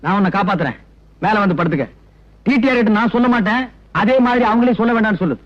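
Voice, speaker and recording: An actor playing a timid, fussy male train passenger who talks in a comic, fast, whiny way. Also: sits high, lo-fi sound.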